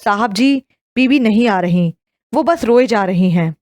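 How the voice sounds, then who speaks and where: A woman's voice: on the high side, animated, a little mellow, no room sound, studio quality, natural voice. A woman voicing a timid, deferential household maid who gives meek, respectful replies in an audio novel.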